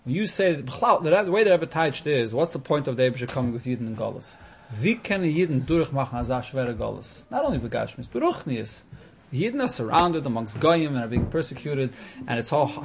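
A man's voice: a little high, background noise. A man explaining religious texts in an informal lesson, posing questions and answering them as he goes. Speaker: teacher of a Talmud class.

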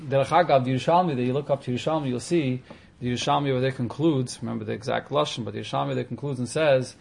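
A man's voice: medium pitch, racing, creaky, a little mellow, a little hiss or hum. A man explaining religious texts in an informal lesson, posing questions and answering them as he goes. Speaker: teacher of a Talmud class.

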